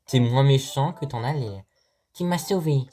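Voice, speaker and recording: A man voicing a small, timid forest creature in a game, squeaky and whiny, with faint game music behind. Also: unhurried, mellow, natural voice. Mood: chatty.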